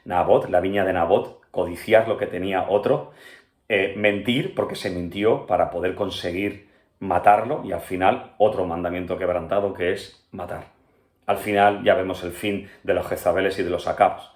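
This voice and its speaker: A pastor from Spain with a Spanish accent, teaching an earnest Bible-study sermon that speaks straight to the listener and keeps checking in with him. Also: male voice, low voice, moderate pace, reverberant. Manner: earnest, addresses listener directly with frequent "¿vale?" and "¿verdad?".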